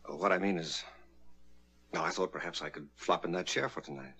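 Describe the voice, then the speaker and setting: A plain-spoken rancher and concerned brother in a mid-century suspense drama. His low voice is steady and courteous, with a reasoning, straightforward delivery. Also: a little fast. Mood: polite, steady.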